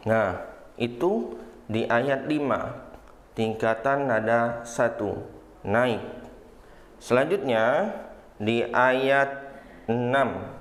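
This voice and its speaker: A man's voice: medium pitch, very slow, long pauses. A man teaching Quran recitation to schoolchildren, patiently explaining each step and calling himself Ustadz. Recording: roomy echo.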